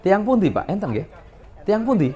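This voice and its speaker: A man's voice: high-pitched, sing-song, normal speed, mellow. A man preaching to a live audience, telling funny stories and joking with listeners before building into emphatic exhortation. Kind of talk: humorous storytelling sermon to a live audience.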